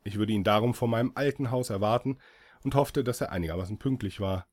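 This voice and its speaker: Man, audiobook narrator, first-person story, dry ironic tone, fairly low voice. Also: quick pace, a little mellow. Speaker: audiobook reader.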